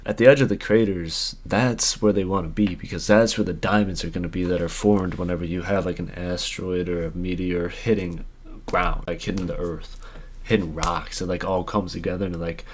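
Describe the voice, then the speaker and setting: A man's voice: low-pitched, steady tone, moderate pace, a little hiss or hum. A young man reacting to a video in a casual, rambling way, full of slang and fillers, tired late at night.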